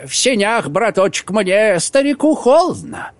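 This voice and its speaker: Мужчина играет спокойного добродушного старика-странника. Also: male voice, high-pitched, sing-song, unhurried, no echo, voice pushed up. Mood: calm. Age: older. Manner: gentle, folksy. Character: calm kindly old wandering man.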